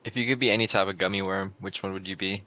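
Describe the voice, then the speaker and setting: A man's voice: deep voice, steady tone, quick pace, sharp tone. A man joining a casual stream chat with friends, joking and playfully arguing.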